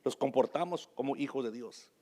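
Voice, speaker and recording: A man's voice: medium pitch, a little fast, mellow. A man preaching a sermon and telling a story, often searching for words with hesitations and restarts.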